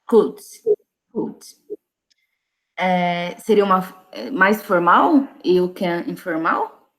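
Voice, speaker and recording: A woman's voice: fairly low pitch, takes it slowly, fairly bright tone. A woman with a Brazilian Portuguese accent asking her teacher a hesitant question in class. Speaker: student.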